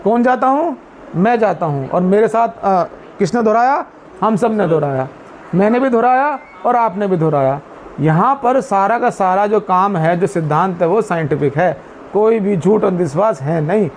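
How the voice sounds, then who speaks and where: A man speaking to a seated community meeting about Buddhist teachings, putting questions to his listeners and answering them himself, and chanting Pali verses slowly. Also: high voice, animated, a little hiss or hum. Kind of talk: explanatory talk to a seated group.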